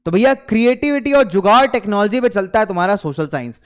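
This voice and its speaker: A young man gives study tips to schoolkids in a high, lifted voice. His tone is smooth and resonant. He coaxes them along and repeats each key point, slipping English phrases into his talk. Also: expressive, fast talker. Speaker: teacher.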